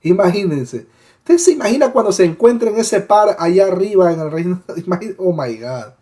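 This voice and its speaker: A man in a conversational Bible discussion, animated and storytelling, often asking his listeners questions. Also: sits high, normal speed.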